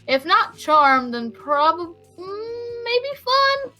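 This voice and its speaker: Woman gamer chatting, high lively voice, unhurried, easygoing. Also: faint music behind. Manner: giggly, easygoing, narrates game actions. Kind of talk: casual let's-play chat.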